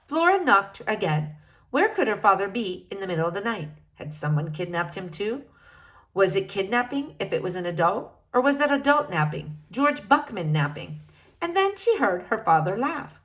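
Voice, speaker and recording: A woman reads a children's book aloud in an expressive storytelling style, her mid-range voice at a moderate pace.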